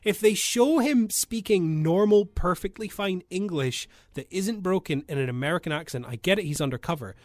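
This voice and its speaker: Animated man ranting about films. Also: high voice, moderate pace, few pauses, dry recording. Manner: animated, exasperated rants. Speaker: podcast and radio co-host. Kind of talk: casual film review chat. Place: radio studio.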